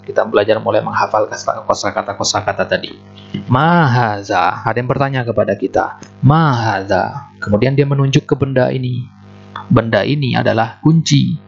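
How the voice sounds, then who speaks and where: A man teaching a beginner language lesson, patient, repeating words and spelling out letters slowly. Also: medium pitch, gravelly. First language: Indonesian. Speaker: Arabic teacher. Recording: muffled lo-fi recording with faint music.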